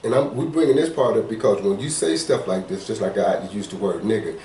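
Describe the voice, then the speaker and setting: A man co-hosting a podcast in casual chat, telling a story in a calm, measured way. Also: on the low side, roomy sound, distant mic, a little hiss or hum, low-quality recording. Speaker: podcast co-host.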